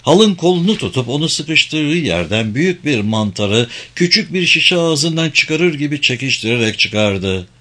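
A man reading an adventure novel aloud in measured, dramatic audiobook narration. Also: a little high, very animated, sharp tone.

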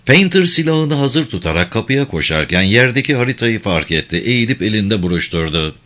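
A man reads an audiobook aloud, his voice sitting fairly low. His delivery is steady and measured, yet his pitch moves in lively swings through the action. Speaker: audiobook narrator. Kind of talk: scripted audiobook narration.

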